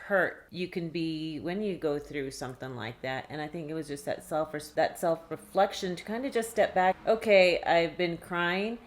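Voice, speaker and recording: A woman's voice: low voice, animated, normal speed, few pauses. A middle-aged woman, a guest and the host's mother, talking in casual chat in a supportive, reflective way. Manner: supportive, reflective, with a lot of agreeing.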